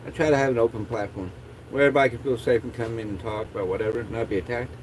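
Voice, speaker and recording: A man's voice: medium pitch, fairly even intonation, rapid-fire, slight background noise, low-quality recording. A man chatting casually as a livestream host in a laid-back, rambling stoner drawl.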